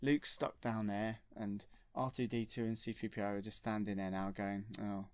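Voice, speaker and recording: A man, deadpan and rambling as he retells a film in plain, childlike words. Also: on the low side, moderate pace, clean tone, no room sound, studio quality. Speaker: comedic storyteller.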